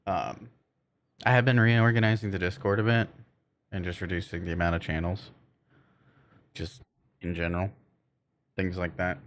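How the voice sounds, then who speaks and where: Flat in delivery and low in pitch, a game livestreamer talks to viewers at a moderate pace and pauses often. He's casual and rambling, frequently searching for words, and he can't roll his R's.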